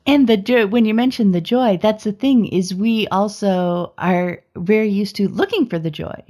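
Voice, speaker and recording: A woman podcast co-host chatting casually. She rambles, circling back and restarting her sentences. She leans on "you know" and "um" as she talks at an ordinary middle pitch. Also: normal speed, dark tone.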